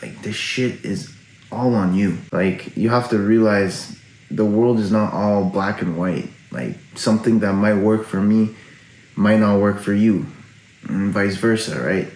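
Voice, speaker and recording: A man's voice: on the low side, unhurried, darkish tone. A pensive man musing aloud in a casual, reflective late-night monologue to viewers. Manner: casual, frequent swearing. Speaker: online video creator. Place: indoor room at night. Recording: roomy indoor echo.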